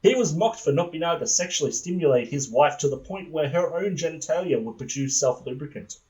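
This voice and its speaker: Deadpan man telling a comic story. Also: on the high side, fairly quick, rough recording. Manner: deadpan, rambling with fillers. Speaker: podcast host. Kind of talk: comedic storytelling.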